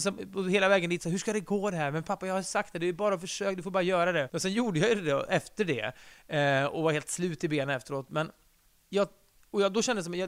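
A somewhat bright, higher-pitched male voice belongs to a middle-aged man rambling through a relaxed podcast chat. He mocks himself and drops casual curse words along the way.

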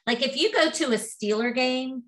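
A woman's voice: sits high, normal speed. A middle-aged woman from Pittsburgh with a Pittsburgh accent, chatting casually as a podcast co-host. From Pittsburgh, USA. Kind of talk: casual chat.

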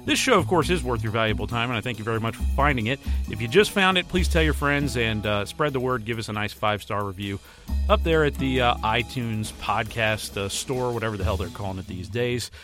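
A man's voice: mid-range voice, animated, brisk, a bit bright, faint music behind. Under-the-weather man hosting a casual podcast. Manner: informal, rambling, mildly profane. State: recovering from a virus, slightly under the weather. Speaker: podcast host and movie and TV editor. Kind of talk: casual solo podcast talk.

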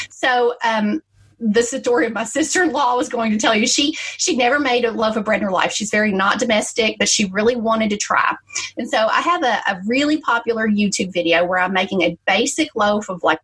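Chatty woman guest, slightly husky, fairly high voice, animated storyteller. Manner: chatty storyteller, acts out quotes in a higher voice. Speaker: baking guest giving tips. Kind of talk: casual conversational advice.

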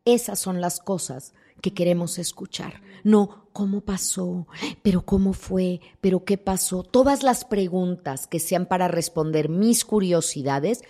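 Lower-pitched woman, expressive guest. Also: measured pace. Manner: expressive, acts out quoted voices. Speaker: thanatologist guest. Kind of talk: interview conversation.

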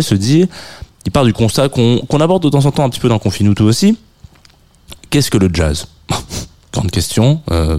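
Man, radio host, fairly low voice, rambling casual chat, lots of restarts, dry self-mocking humor. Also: warm tone. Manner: self-mocking, chuckles at his own jokes. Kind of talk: casual live radio chat about music.

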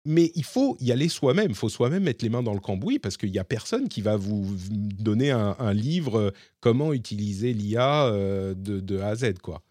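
A man's voice: lowish voice, expressive, normal speed, hardly any pauses, darkish tone, dry recording, clean studio sound. A man with a slightly hybrid French accent co-hosting a casual tech podcast, explaining with many fillers and restarts. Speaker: podcast co-host.

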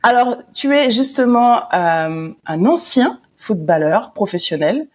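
A woman's voice: on the high side, very animated, measured pace, darkish tone. A woman from Paris hosting a casual podcast interview, questioning her guest in a friendly, teasing way. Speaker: podcast host.

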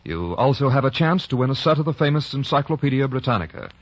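A man's voice: medium pitch, sing-song, quick pace, no room sound. Man, American, old-time radio announcer, formal delivery, dry sound, muffled vintage broadcast.

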